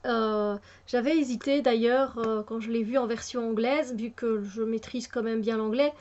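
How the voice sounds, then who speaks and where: A French-speaking woman casually reviews a tarot deck with enthusiasm, though she hesitates a lot with fillers and restarts. Her voice is fairly high and darkish, with a steady tone and normal speed. The muffled, lo-fi home recording captures this casual spoken product review.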